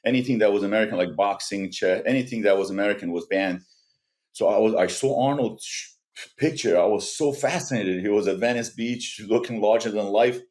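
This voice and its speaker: Low-voiced Iranian-born man telling his story. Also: a little mellow. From Iran. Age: 40s. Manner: earnest, halting, with frequent restarts. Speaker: guest. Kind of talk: personal story in a podcast interview.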